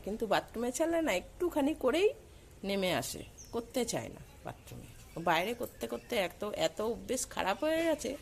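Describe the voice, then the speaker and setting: Hoarse woman chatting to her dogs. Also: a little hiss or hum. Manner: coos and calls out high and loud to her dogs. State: hoarse with a cold and sore throat. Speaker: vlogger filming her dogs. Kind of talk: casual chatty vlog narration. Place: at home and just outdoors in the evening.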